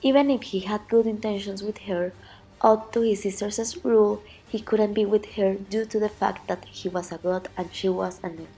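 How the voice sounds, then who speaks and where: A woman's voice: mid-range voice, fairly even intonation, normal speed, dark tone, breathy edge, poor audio. A woman reads a scripted ancient myth as narration, in a grave storytelling manner.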